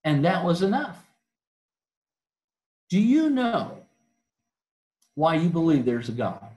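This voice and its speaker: A man with a fairly high voice delivers an earnest sermon full of direct questions to his listeners. He often stumbles and restarts mid-phrase. The sound carries the echo of a church auditorium. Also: big pitch swings, slow pace, a little mellow. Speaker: preacher. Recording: echoey church hall.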